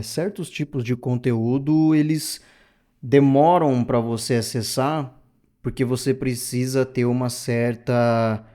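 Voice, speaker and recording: This mellow, mid-range voice belongs to a Brazilian man in his thirties who runs an opinion channel. He muses casually to his viewers, speaking straight to them, wandering off track and correcting himself along the way.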